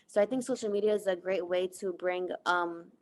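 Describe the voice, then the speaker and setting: A woman's voice: on the low side, steady tone, a little fast. A young woman from the United States, presenting a class project in an earnest way, reading from her slides with frequent fillers. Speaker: student presenter.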